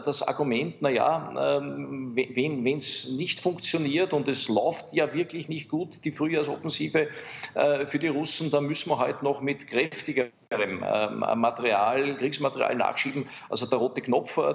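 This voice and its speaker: Gravelly, hesitant man analysing polls. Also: medium pitch, muffled recording. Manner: hesitant, many fillers and restarts. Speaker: pollster guest expert. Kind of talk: studio interview analysis. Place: TV studio.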